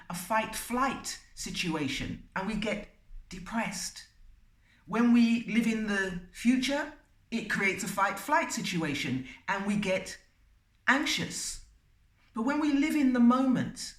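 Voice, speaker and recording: A woman hosts a self-help video, speaking slowly in short, unhurried phrases with pauses between them. She mixes motivational advice with storytelling. The recording is roomy and echoey, with her voice set back from the microphone. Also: mid-range voice. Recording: roomy and distant from the mic.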